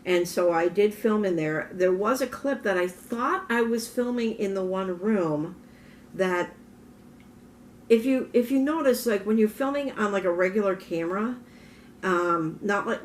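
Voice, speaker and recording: A Minnesota woman with a medium-pitched morning voice talks to the camera in a casual vlog. She tells stories in a rambling way, frequently correcting herself, with slight background noise.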